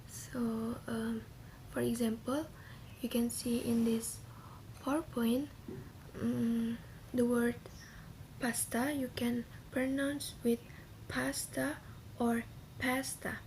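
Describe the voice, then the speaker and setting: Young woman student presenting, soft near-whisper, hesitant, fairly high voice. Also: flat delivery, slight background noise, low-quality recording. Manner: soft, often half-whispered delivery; hesitant, with many pauses and restarts. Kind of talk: recorded class presentation.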